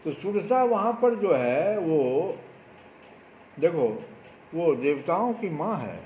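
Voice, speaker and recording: A man's voice: fairly high pitch, big pitch swings, slow, mellow, roomy sound. A man giving a devotional discourse as a spiritual speaker, preaching with rhetorical questions. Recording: dull lo-fi recording with faint noise.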